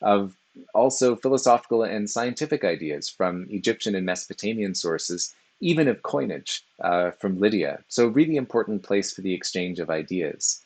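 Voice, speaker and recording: Male lecturer, low-pitched, measured and explanatory, some filler words. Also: expressive, a little mellow. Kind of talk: recorded philosophy lecture.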